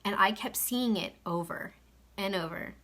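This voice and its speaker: A woman's voice: medium pitch, moderate pace, sharp tone. A young woman giving casual, reassuring advice to camera, chatty and full of fillers. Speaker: network marketing coach.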